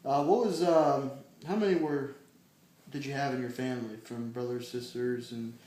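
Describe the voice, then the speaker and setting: A man interviewing his neighbor in a casual way. He asks his questions hesitantly, restarting them and filling pauses. His mid-pitched voice rings in an echoey room. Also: steady tone, warm tone. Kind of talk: casual oral history interview.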